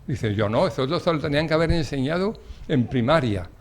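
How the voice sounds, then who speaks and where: A man's voice: on the high side, animated, a little fast, slight background noise. An older man, a guest in a radio debate, telling an anecdote emphatically with indignant asides.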